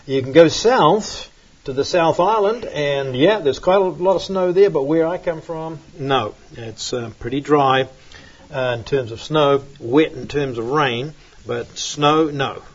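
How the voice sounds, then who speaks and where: Husky New man rambling. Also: fairly high pitch, measured pace. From New Zealand. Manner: rambling, hesitant, many fillers. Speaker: pastor. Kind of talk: relaxed sermon chat and prayer. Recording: dull lo-fi recording.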